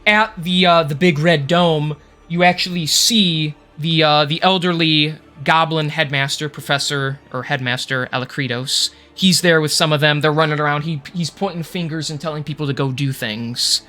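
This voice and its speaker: Male game master, forceful bright tone, improvised narration in a casual, halting way, music under. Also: fairly high pitch, fairly even intonation.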